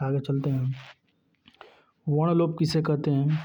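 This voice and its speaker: A man's voice: fairly high pitch, fairly even intonation, a little slow, mellow. A male teacher giving a classroom lecture, asking questions and answering them himself, checking in with his listeners again and again. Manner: keeps asking and answering his own questions, repeating "ठीक ना". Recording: dull lo-fi sound.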